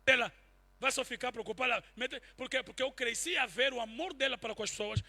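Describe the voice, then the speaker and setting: Male preacher, very high voice, sharp and bright, animated sermon delivery. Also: fairly quick. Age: adult, married since 2010. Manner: animated, swings from quiet to shouting. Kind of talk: sermon with personal testimony.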